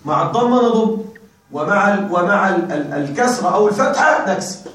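A man with a high voice teaches a grammar class, drilling his students call-and-response style and prompting them to complete each word. He sounds distant from the microphone, and the room rings with strong echo. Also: lively intonation, fairly quick, fairly bright tone. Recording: very echoey room, voice far from mic.

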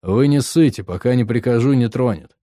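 A man voicing a calm, blunt male fighter who speaks flatly and growls when angered. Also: medium pitch, fairly quick, dry recording, studio quality, close to an everyday voice. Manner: flat, indifferent, then growling.

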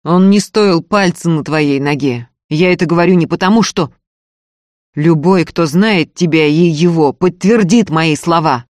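A woman's voice: lowish voice, unhurried, a little mellow, no echo, clean studio sound, lightly acted. A woman playing a stern, earnest male doctor who talks in a firm, insistent way.

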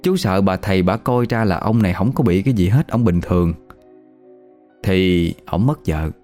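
A man's voice: low-pitched, lively intonation, normal speed, warm tone, faint music behind. A man telling a ghost story in a chatty, conversational way. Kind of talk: casual spoken ghost story.

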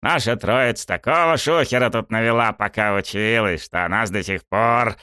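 A man voicing a loud, pushy, eccentric old male baseball coach in an audiobook, bellowing and overbearing. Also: lowish voice, moderate pace, smooth, no room sound, studio quality. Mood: dreamy. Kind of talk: audiobook character voice.

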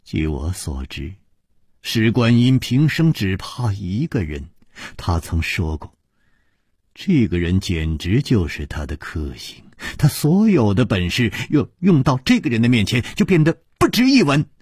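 A man voicing a sorrowful ailing woman in a storytelling performance, speaking quietly and subdued. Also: fairly low pitch, big pitch swings, unhurried, slightly rough, dry recording, clean studio sound, voice pushed up, full character voice. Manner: quiet, subdued, sometimes whispered.

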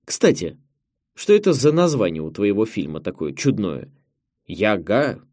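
A man's voice: on the low side, huge pitch swings, normal speed, warm tone, dry recording. A male audiobook narrator voicing a jovial older film studio director who talks in a hearty, teasing way. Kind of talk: audiobook character reading.

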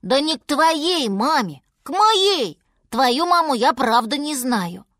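Woman as a lively, bossy bear cub boy, bright and bouncy. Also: sits high, takes it slowly, no echo, clean studio sound, voice pushed up, exaggerated voice. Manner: mocking, bossy.

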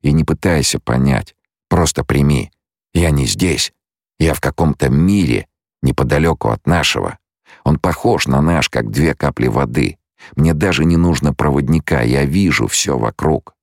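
A man reading an audiobook, voicing a blinded young male prophet-leader who speaks in a steady, commanding, measured way. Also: extremely low pitch, no echo, clean studio sound. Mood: calm.

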